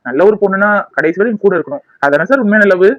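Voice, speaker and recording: A man's voice: sits high, fast talker, dry recording, highs cut off, close to an everyday voice. A man voicing a jilted young man in a cartoon, bitter and accusing toward the woman who left him. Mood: wounded.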